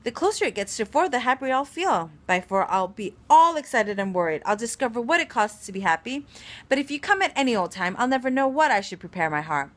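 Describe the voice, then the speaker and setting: Wistful male fox voiced by a woman, gentle, patient storybook tone, lively rising voice. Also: on the high side, a little fast. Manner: earnest, explaining patiently.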